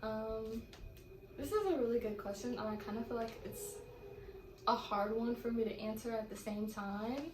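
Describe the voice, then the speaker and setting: Chatty young woman in an echoey room. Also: on the high side. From California, USA. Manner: chatty, rambling, slangy. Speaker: vlogger. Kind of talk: casual Q&A vlog. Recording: echoey room with faint background noise.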